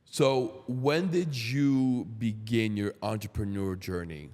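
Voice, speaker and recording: A podcast host in his thirties, born in Brazil and moved to Queens, New York at seven, conducts a casual interview in an indoor studio. He speaks slowly in a low, slightly mellow voice into a close boom-arm microphone, and the roomy studio gives a long reverb.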